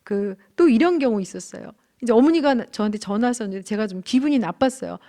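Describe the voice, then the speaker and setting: Brief: woman in her thirties, slightly high voice, church marriage-class teacher, earnest and candid, lively when retelling arguments. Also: fast. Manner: earnest, candid storytelling with animated quoted outbursts. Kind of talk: church lecture with personal stories.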